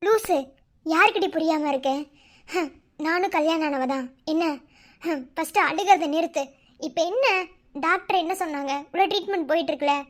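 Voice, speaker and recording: A woman's voice: high-pitched, natural voice. A woman as a firm, comforting older sister. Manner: firm, scolding kindly.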